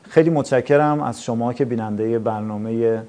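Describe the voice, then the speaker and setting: A man hosting a talk program, speaking in a measured devotional way with hesitation fillers and reciting verse. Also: mid-range voice, dark tone. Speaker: host. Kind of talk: program host closing remarks.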